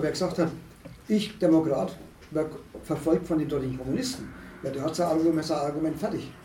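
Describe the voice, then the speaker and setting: A man's voice: a little high, dark tone. Man lecturing from across an echoey room. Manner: halting, many restarts, emphatic rises. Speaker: speaker at a discussion on asylum. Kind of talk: lecturing discussion talk. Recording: echoey room, distant mic, faint noise.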